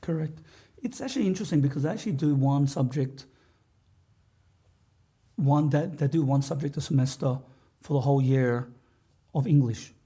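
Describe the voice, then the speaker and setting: A man with a very mellow, dark voice and a husky edge talks as a guest on a podcast. He is earnest and halting, often restarting his sentences as he thinks aloud. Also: on the high side. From Australia. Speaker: podcast guest, business owner. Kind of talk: candid interview talk.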